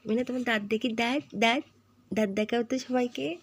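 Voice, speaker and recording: A woman's voice: fairly high pitch, brisk, slightly rough. A woman in a casual home vlog, coaxing and doting on her pet in baby-talk while making asides to her viewers. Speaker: vlogger talking to her pet.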